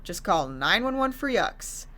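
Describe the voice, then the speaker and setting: A woman's voice: medium pitch, sing-song, unhurried, bright, forceful tone, voice pushed up. Woman playing a blunt, easygoing male cop. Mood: frank. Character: blunt, easygoing well-built male police officer. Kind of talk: horror story character dialogue. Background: music.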